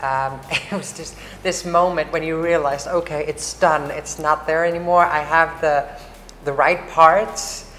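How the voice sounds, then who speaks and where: A talkative Icelandic woman with a low, fairly bright voice speaks in a steady tone at a measured pace with few pauses, though she uses many fillers and restarts in this casual interview. Her lapel mic captures a large, bright hall with wood screens, with roomy echo, faint ambience and slight background noise.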